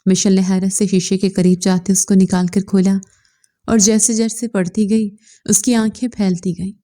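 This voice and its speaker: Mellow woman reading a romance novel. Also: medium pitch, little pitch movement, normal speed. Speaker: narrator.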